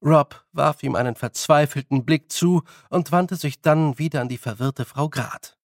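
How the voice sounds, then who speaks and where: A man reading an audiobook in calm, even narration. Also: fairly high pitch, measured pace, dry recording, studio quality. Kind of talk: scripted narration.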